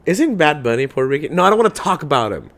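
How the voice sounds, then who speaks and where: A man's voice: on the high side, big pitch swings, very fast, fairly bright tone. A young man co-hosting a podcast in a casual chat, with blunt, playful interjections and jokes. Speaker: podcast co-host.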